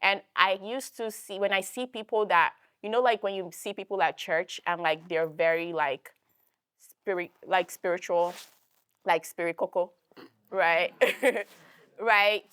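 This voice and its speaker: Young woman, church workshop speaker, casual, lots of fillers, low voice, dry sound. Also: unhurried, a bit bright, smooth, dry recording. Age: young adult. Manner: chatty, many fillers and tag questions.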